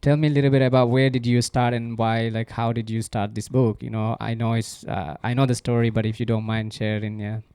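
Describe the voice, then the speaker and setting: A man with a Maldivian accent hosting a podcast interview, asking questions in an unhurried, friendly way. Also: mid-range voice, flat delivery, mellow, smooth, no echo. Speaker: podcast host.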